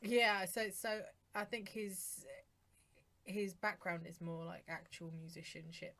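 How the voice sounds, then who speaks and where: A woman's voice: mid-range voice, little pitch movement, slow, a bit bright. A British woman co-hosting a podcast, chatting casually and enthusiastically about songs, often rambling and laughing. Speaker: podcast co-host. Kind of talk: casual chat reviewing songs.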